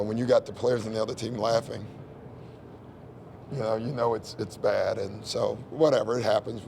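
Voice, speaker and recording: A man's voice: on the low side, gravelly, background noise. A man who coaches a team, answering reporters at a postgame press conference in a candid, conversational way, often saying "you know" and "listen". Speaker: head coach.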